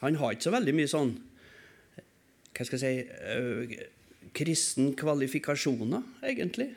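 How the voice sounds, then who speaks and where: A man preaching a sermon in a church service, asking rhetorical questions and swinging between raised calls and quiet, low passages. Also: animated, creaky. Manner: emphatic, asks rhetorical questions and answers them.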